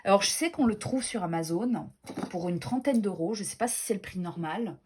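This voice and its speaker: A woman's voice: medium pitch, animated, normal speed, darkish tone, slight background noise. A woman chatting casually as she shows tarot and oracle decks, gushing and self-deprecating, with many fillers and restarts. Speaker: tarot and oracle deck reviewer. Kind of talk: casual show-and-tell chat.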